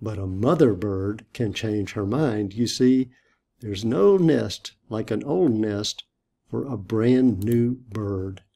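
A man doing a gentle, sing-song mother bird. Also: lowish voice, animated, slow, vocal fry, exaggerated voice. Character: fussy, caring mother bird. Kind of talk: storybook reading.

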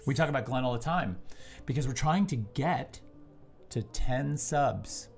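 Easygoing co-host with a gravelly voice. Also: male voice, medium pitch, lively intonation, measured pace, soft background music. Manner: chatty, storytelling, easygoing. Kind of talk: casual live-stream chat.

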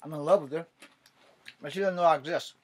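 A man's voice: on the high side, quick pace, darkish tone, slightly rough. A man about to turn fifty, talking to his webcam in a cluttered bedroom, wry and sarcastic, swearing now and then. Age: 40s. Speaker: vlogger. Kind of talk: casual webcam monologue. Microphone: webcam at desk distance.

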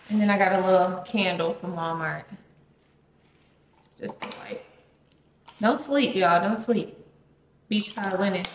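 The lo-fi audio carries a bit of hiss or hum as a young woman in her twenties vlogs from her apartment kitchen on a handheld phone. She chats in a casual, playful way with a mid-range voice.

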